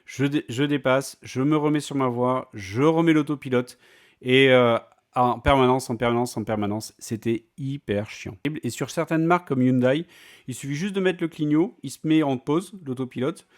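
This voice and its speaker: A man's voice: mid-range voice, normal speed. A man talking casually in a vlog, chatty and full of fillers and restarts. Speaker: vlogger.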